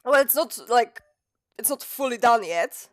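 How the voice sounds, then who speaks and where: A young adult streamer and animator talks casually while working, her voice fairly high, animated, and a touch slow. She rambles, jokes at her own expense, and giggles often, a little sniffly with a cold, with clean, roomless studio sound and faint music behind.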